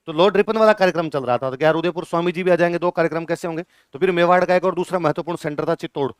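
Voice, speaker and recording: A man teaches a class in a lecture and keeps quizzing his listeners. His voice sits fairly high and sounds clean and crisp. The recording is dry and close. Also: rapid-fire, dry recording. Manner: asks the class questions and answers them himself.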